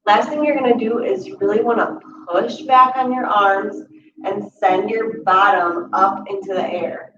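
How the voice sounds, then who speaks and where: A young adult woman guiding a chair yoga class, calmly cueing each step and slowing down to hold the poses. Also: mid-range voice. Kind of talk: guided exercise instruction. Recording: distant, roomy, dull audio with steady background noise.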